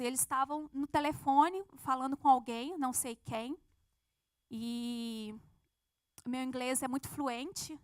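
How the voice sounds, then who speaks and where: Earnest high-voiced woman. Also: no room sound, clean studio sound. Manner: earnest storytelling, acts out her prayers. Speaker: church member giving a testimony. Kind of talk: church testimony. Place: church sanctuary.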